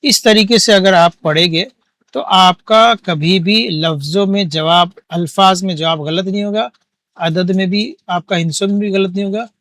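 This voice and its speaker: Male teacher, high voice, patient counting-aloud lesson delivery. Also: normal speed, a bit bright, no echo. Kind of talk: classroom maths lesson.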